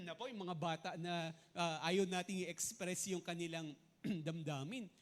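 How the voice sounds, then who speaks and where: A middle-aged male pastor preaching a sermon, swinging between loud emphasis and soft low asides, often checking with the congregation and mixing in English words. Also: a little slow. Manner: asks the congregation frequent "No?" and "Naintindihan mo ba?" checks.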